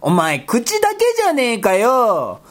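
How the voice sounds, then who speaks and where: A woman voicing a bossy, exasperated rabbit character who talks in rough boyish speech and scolds his partner in a comedy skit. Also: a little high, huge pitch swings, a little slow, full character voice. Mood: scolding, exasperated. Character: gruff bossy rabbit guy, exasperated straight man.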